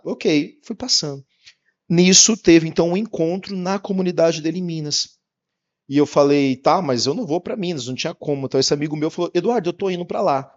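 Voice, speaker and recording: A fast-talking man from Paraná, Brazil, tells his conversion story in an interview, slipping into quoted voices as he acts out each exchange. His voice sits a little high, and the recording has a slightly dull, lo-fi sound. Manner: lively, acts out dialogue with quoted voices, laughs often.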